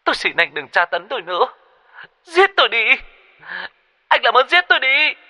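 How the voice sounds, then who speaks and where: A man's voice: extremely high pitch, big pitch swings, moderate pace, bright, forceful tone, in a large hall, voice pushed up, exaggerated voice. A man voicing a weak, sobbing captive woman who begs to be killed, in a spoken horror story. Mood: sobbing, begging. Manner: desperate pleading, crying.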